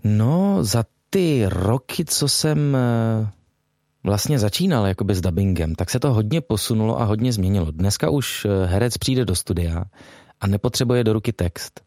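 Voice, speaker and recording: A man's voice: lowish voice, expressive, mellow, dry recording, studio quality. A man, a voice actor being interviewed, speaking hesitantly with many fillers and restarts. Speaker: voice actor guest. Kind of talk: interview chat.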